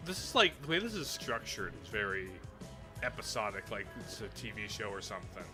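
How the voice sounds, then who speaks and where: A man's voice: lowish voice, lively intonation, brisk, over music. A man casually commenting while playing a horror game, chatty and joking. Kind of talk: casual let's-play commentary.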